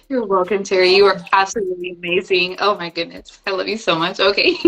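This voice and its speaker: Gushing bright-voiced young woman host. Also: mid-range voice, normal speed, faint music behind, rough recording. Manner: gushing, emotional, effusive. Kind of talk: casual live-stream interview.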